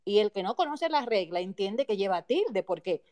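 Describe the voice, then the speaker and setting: A woman's voice: medium pitch, big pitch swings, moderate pace, a little mellow. A woman explains spelling rules as an interview guest. She is emphatic and teacherly, and she speaks straight to the listeners. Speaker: journalist guest.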